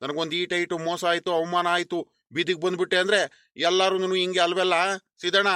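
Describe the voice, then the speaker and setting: A grumbling, scolding village landlord in a cartoon, voiced by a man, proud and easily offended. He talks with a high voice. The sound is close and dry. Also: level tone, brisk, pushed and bright, clean tone, dry recording. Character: proud grumpy middle-aged male village landlord.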